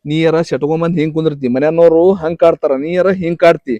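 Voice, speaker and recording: A man's voice: a little high, little pitch movement, rapid-fire, warm tone, dry recording, highs cut off, lightly acted. A young man playing a boyfriend in a comedy skit, pleading and insistent, with a North Karnataka Kannada accent. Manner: pleading, insistent, repeats promises.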